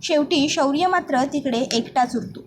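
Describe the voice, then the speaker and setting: A woman narrating an episode recap, retelling the story in a steady present-tense way. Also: high voice, moderate pace, a little hiss or hum.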